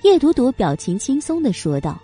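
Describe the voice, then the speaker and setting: Lively woman reading a novel aloud. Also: sits high, moderate pace, husky, faint music behind. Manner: expressive, lively storytelling. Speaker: audiobook narrator. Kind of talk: scripted novel narration.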